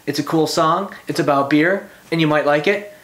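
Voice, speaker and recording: A man's voice: a little high, moderate pace, fairly bright tone, roomy sound. Laid back guy in his 40s doing a chill review vlog in his bedroom, short little remarks. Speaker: beer reviewer and vlogger. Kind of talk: casual review chat. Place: small bedroom, indoors.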